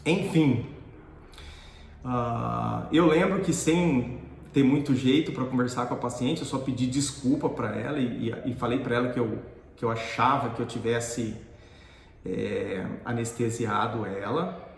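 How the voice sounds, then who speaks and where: A middle-aged man telling a personal story in an earnest, halting way, often restarting his sentences. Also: medium pitch, gravelly, a little hiss or hum. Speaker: dentist and teacher. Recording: echoey room with long reverb.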